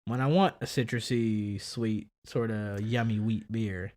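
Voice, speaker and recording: A man's voice: fairly low pitch, fairly even intonation, a little slow, a little mellow. A man around thirty, co-hosting a podcast in casual chat, telling stories animatedly and swearing freely. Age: 30s. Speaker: podcast co-host.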